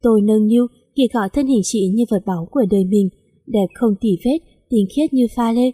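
Woman telling a love story, mellow breathy voice, long reverb on it. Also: fairly high pitch, normal speed. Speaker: story reader. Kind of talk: narrating a romance story.

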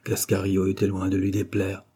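A man narrates a novel as an audiobook, reading in a measured, steady way. His voice is low and dark with a husky texture.

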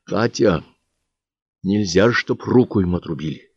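A man voicing a gentle, shocked angel who pleads for mercy, in a dry, slightly dull recording. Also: deep voice, moderate pace, breathy edge, no echo. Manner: pleading, distressed.

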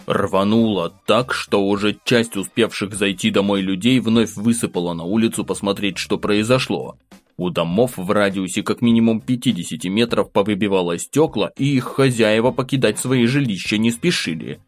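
A man's voice: fairly low pitch, moderate pace, no room sound, faint music behind. A man steadily narrating an audiobook and voicing the first-person narrator.

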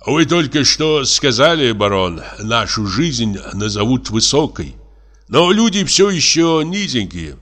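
A man's voice: medium pitch, sing-song, unhurried, fairly bright tone. A man reading a play aloud, voicing a wry, self-mocking old army doctor.

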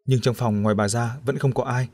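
A man reads a story aloud in a steady, expressive narrating voice. His pitch sits in the middle, and the recording is dry and close with no room sound. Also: fairly quick, no echo. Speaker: audiobook narrator.

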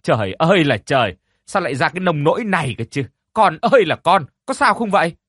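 A man's voice: on the high side, sing-song, brisk, fairly bright tone, dry recording, clean studio sound, pitched above the performer's own voice. A man doing a shrieking cruel old landlady. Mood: furious shrieking. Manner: screaming, scolding, abusive. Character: harsh shrieking older landowner's wife.

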